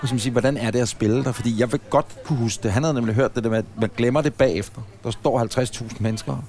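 Guy spinning a long anecdote over coffee, chatty, kinda rambling, normal pitch. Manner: rambling, animated anecdote-teller. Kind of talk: casual storytelling chat. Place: café.

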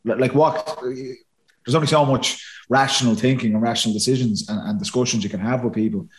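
Roomy-sounding Irish man, mid pitch. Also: fairly even intonation, a little fast. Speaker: podcast host. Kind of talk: casual opinionated discussion. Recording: roomy echo on the voice.

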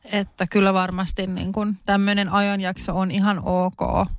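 A woman co-hosts in casual chat, sympathetic and quick to ask questions. The recording is dry and close. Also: medium pitch, little pitch movement, dry recording. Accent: Finnish. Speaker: podcast co-host.

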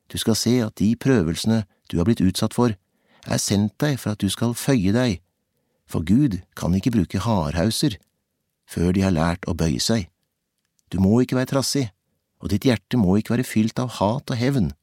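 A man's voice: on the low side, a little mellow, dry recording, studio quality, natural voice. A man reading a pious, falsely caring male headmaster who preaches in a soothing, coaxing way.

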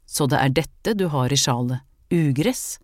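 A woman doing a soft-spoken tender man. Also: dry recording, clean studio sound. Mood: dark, stern. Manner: soft, low and tender, turning dark. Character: gentle, weary man, a worried husband.

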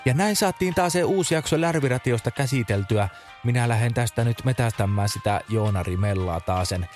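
Deadpan man hosting comic radio. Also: medium pitch, faint music behind. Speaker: radio show host.

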